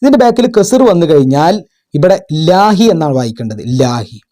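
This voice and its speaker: Man, tutor, patient, repeats himself, raised pitch, mellow tone. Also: very animated, brisk. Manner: patient, repeats and asks questions. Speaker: madrasa tutor. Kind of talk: explaining exam answers.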